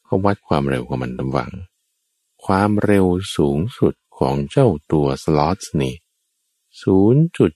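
A monk tells a Jataka tale in a sermon, his very deep voice moving at an unhurried, deliberate pace. He speaks, turns again and again to address his listeners, and his voice sounds close and dry with little room sound. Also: big pitch swings, mellow, no echo. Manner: slow, deliberate storytelling that addresses listeners directly. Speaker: Buddhist monk. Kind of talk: sermon telling Jataka tales.

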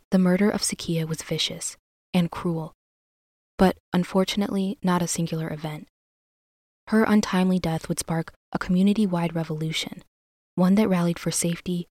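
A woman narrates a scripted true crime story as a podcast host. Her voice is on the low side, recorded dry with very little room sound. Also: darkish tone, dry recording.

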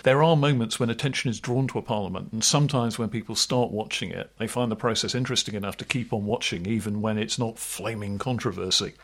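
A middle-aged man co-hosts a political podcast, chatting wryly and discursively about politics in a lowish voice. He talks fast with few pauses.

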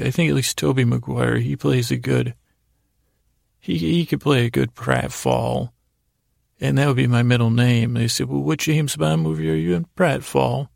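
Rambling haltingly into a close microphone, a middle-aged man hosts a sleep podcast with a silly bedtime monologue of absurd asides, repeating himself and trailing off mid-thought. His voice is gravelly, creaky, and mid-range, with no echo.

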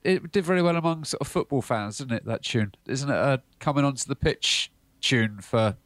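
A man's voice: medium pitch, normal speed, fairly bright tone, no room sound. A man hosting a casual radio music review, talking in a wry, conversational way. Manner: wry, conversational, hums tunes. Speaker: radio show host.

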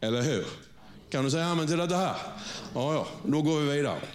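A pastor preaching to his congregation in a conversational way, often checking for agreement and restarting his sentences. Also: a little high. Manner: frequent restarts and repeated words. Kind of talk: sermon. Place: church before a congregation.

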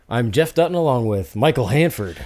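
A man's voice: medium pitch, expressive, a little fast, a little mellow. A man co-hosting a casual podcast, upbeat and playful as he banters. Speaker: podcast co-host. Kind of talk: casual chat.

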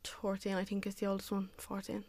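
Young woman, even and level delivery, dry close sound, casual and full of "like". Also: medium pitch, a little fast, dry recording. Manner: filler-heavy, says "like" constantly. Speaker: cheerleader and youth coach. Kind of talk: casual interview answers.

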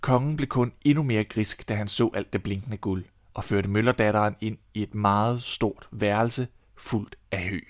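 A Danish man reading a fairy tale aloud in a calm, measured storytelling manner. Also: fairly low pitch, dry recording, studio quality.

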